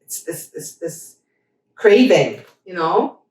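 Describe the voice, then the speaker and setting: A supportive woman joins a casual conversation, chiming in with quick replies and agreement. Her voice comes from a little way off in an echoey room. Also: fairly low pitch, sing-song, darkish tone, recorded from a distance. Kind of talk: casual chat.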